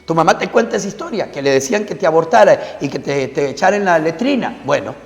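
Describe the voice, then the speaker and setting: A man's voice: fairly high pitch, lively intonation, fast, creaky. A male pastor preaching a sermon in a lecturing way, asking rhetorical questions and answering them himself. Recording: long hall reverb.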